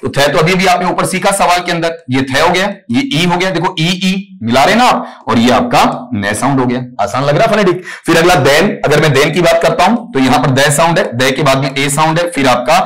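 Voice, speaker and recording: A male teacher gives a step-by-step exam-prep lesson. His voice sits fairly high for a man. He keeps posing questions to his class and then answering them himself. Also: animated, fairly quick, hardly any pauses, a bit bright, rough recording. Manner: explains step by step, asks and answers own questions, calls students "beta". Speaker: English teacher.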